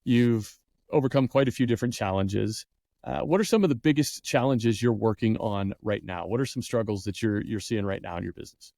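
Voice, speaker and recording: A man's voice: lowish voice, fairly quick, vocal fry, warm tone, dry recording, clean studio sound. A man hosting a business interview podcast, adding encouraging, reflective comments between questions. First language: English. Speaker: podcast host. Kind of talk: interview conversation.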